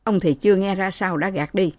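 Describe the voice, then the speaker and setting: Woman reading an old mother, anxious, protective, fussing, mellow voice, dry sound. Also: mid-range voice, a little fast, no room sound, lightly acted. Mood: worried. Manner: worried, fussing.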